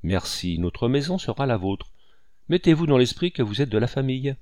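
A man reading an audiobook and voicing a composed, gently ironic young lady of the house. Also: mid-range voice, sing-song, moderate pace, no room sound, clean studio sound, close to an everyday voice. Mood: poised.

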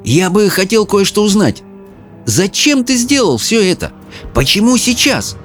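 A man's voice: sits high, big pitch swings, a little slow, faint music behind, voice pushed up. A man voicing a frightened but brave boy in an audiobook, with a tense, shaky voice. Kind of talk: audiobook character voice.

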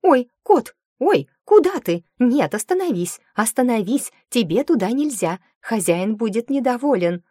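A woman voicing a flustered, kindly young female maid in an audiobook, with fussy, quick exclamations. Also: low-pitched, darkish tone, no echo, clean studio sound. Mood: alarmed. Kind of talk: audiobook character voice.

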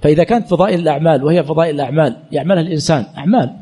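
Speaking in rapid-fire bursts, the sheikh has a slightly high, mellow, husky voice. He teaches Islamic jurisprudence by reading each listener's question aloud and answering it in a colloquial, self-correcting way, with lots of repetition.

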